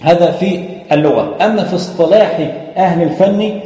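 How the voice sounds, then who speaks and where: A man's voice: sits high, brisk, warm tone. A man teaching a lesson on Quran recitation, explaining step by step with frequent hesitations and chanting verses. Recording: echoey room with long reverb.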